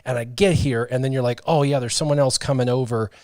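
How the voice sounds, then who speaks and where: A man's voice: mid-range voice, steady tone, fast, darkish tone. Man in his thirties, livestream host, reads chat comments aloud, self-deprecating jokes, casual banter, mid-range voice, close studio mic, dry room with no echo. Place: small home studio room. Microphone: studio mic with headphones.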